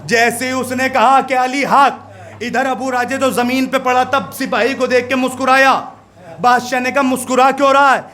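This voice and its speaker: A man preaching a majlis sermon, telling a story with drama and building to impassioned shouts. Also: extremely high pitch, flat delivery, moderate pace. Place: mourning gathering hall. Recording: crowd heard around speaker. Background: listening congregation.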